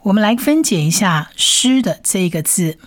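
A woman gives a slow, step-by-step Bible Hebrew reading lesson, patiently spelling out letters and repeating each sound several times. Her medium-pitched voice is very animated at a moderate pace, recorded in studio quality with no room sound.

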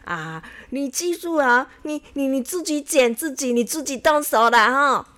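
A woman voicing a gruff, dismissive male village barber in a children's storybook, with a brusque, teasing manner. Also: high voice, lively intonation, measured pace, pushed and bright, full character voice.

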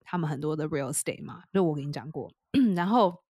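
A woman telling a funny story in a casual chat, laughing often and acting out quotes in higher voices. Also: expressive, a little fast, mellow, breathy edge, no room sound, clean studio sound. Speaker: podcast co-host.

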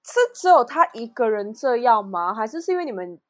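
A woman's voice: a little high, sing-song, fairly quick, no echo. A woman co-hosting a casual podcast chat, asking curious follow-up questions and laughing easily. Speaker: podcast co-host.

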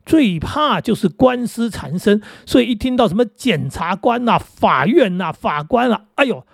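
A man's voice: high-pitched, animated, moderate pace, gravelly, husky, no room sound, studio quality. A middle-aged man with a Taiwanese Mandarin accent, hosting a casual chat and rambling through anecdotes with many fillers. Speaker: podcast host.

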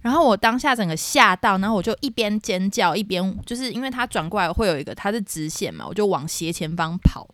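A young woman tells a story on a casual podcast. Her pitch swoops up and down all the time, and she shouts out quoted lines. The sound is close and dry. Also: fast talker, few pauses, no room sound. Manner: animated, dramatic retelling with shouted quotes. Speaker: podcast co-host.

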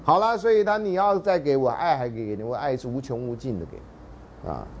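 Male lecturer, Taiwanese Mandarin accent, animated and jokey, lively pitch, faint room noise. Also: normal speed. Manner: animated and joking, drops into dramatic readings and half-sung lines. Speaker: university lecturer.

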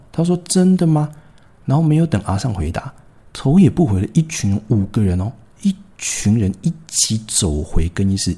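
A young man with a Taiwanese Mandarin accent, a podcast host telling a story in a wry, animated way, with frequent fillers and asides. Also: lowish voice, slightly rough. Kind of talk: casual storytelling.

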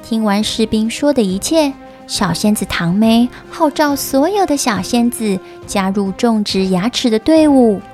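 A woman narrating a scripted children's story in an expressive, careful storytelling manner. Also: fairly high pitch, measured pace, hardly any pauses, faint music behind.

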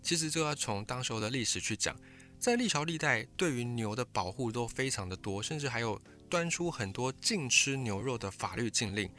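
A man's voice: mid-range voice, animated, a little fast, sharp tone, soft background music. A man, hosting a history channel and explaining the story behind a classic novel. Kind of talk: scripted history talk.

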